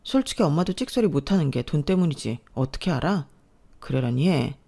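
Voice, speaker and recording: A woman's voice: low-pitched, animated, fairly quick, gravelly, mellow, slightly rough, heavily acted. A woman voicing a sullen, self-pitying young husband who talks in a grumbling, dismissive way.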